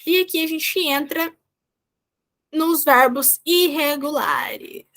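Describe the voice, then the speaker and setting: A woman's voice: high voice, takes it slowly, a bit bright. A young woman with a Brazilian Portuguese accent, teaching a Spanish class online and often checking in with her students. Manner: explains patiently, checks in with "tá?" and "né?". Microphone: video call.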